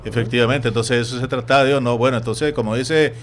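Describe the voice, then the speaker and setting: A man with a Nicaraguan Spanish accent hosting a sports radio talk show, telling stories in an animated way and acting out other people's voices. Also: medium pitch, fairly quick, slight background noise. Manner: animated storytelling, acts out quoted voices. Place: radio studio.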